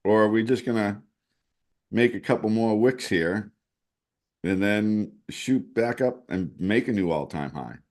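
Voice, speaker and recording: Expressive and a little slow, a man with a lowish, darkish voice co-hosts a relaxed crypto chat as the chart analyst. He talks through the charts on a shared screen, thinking aloud and restarting many times.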